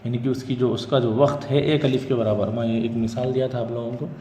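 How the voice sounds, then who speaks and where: A man teaching a Quran recitation lesson, explaining the rules slowly and drilling syllables aloud again and again. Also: medium pitch, little pitch movement, warm tone. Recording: echoey room with long reverb, faint hiss.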